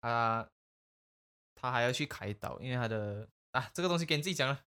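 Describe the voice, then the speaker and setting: A man's voice: medium pitch, lively intonation, a little fast, sharp tone, clean tone. Man, casual chat host, curious, asks lots of questions.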